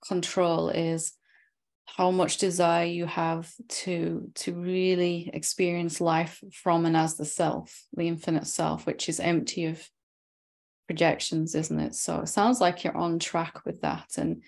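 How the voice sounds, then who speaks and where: Gravelly, low-voiced woman spiritual teacher. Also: a little slow. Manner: reflective, gently probing, ends points with tag questions. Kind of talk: satsang dialogue with a student.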